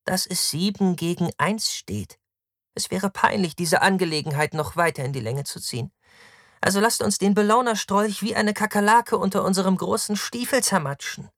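A man's voice: high-pitched, normal speed, fairly bright tone, dry recording, clean studio sound, voice pushed up. A man voicing a cruel, impulsive young woman warrior who sneers and gives orders, in an audiobook. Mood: scornful. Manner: sneering, commanding.

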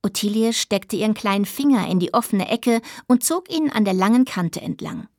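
A woman reading a children's audiobook aloud, lively and giving each character its own voice. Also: mid-range voice, normal speed, dry recording, clean studio sound. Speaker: audiobook narrator.

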